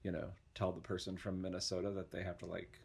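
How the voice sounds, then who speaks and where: A man who directs opera education talks in a relaxed podcast interview, full of fillers and restarts. His voice sits low and has a husky, breathy edge. He sounds enthusiastic and chatty. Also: quick pace.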